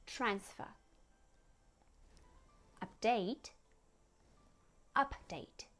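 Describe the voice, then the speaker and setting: Woman teaching pronunciation, higher voice. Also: darkish tone. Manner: clear, carefully articulated explanations with spoken word examples. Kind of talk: scripted online lesson.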